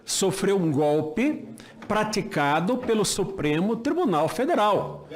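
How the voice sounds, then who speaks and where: A man's voice: high voice, big pitch swings, takes it slowly, crowd noise. An older Brazilian man giving an impassioned political speech, emphatic, with rhetorical questions and repeated phrases. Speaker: speaker at a senate hearing, former judge.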